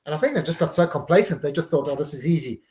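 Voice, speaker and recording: A man's voice: on the high side, lively intonation, racing, a little mellow, roomy sound. A man hosting a live stream, giving casual running commentary on a match and reacting to each play.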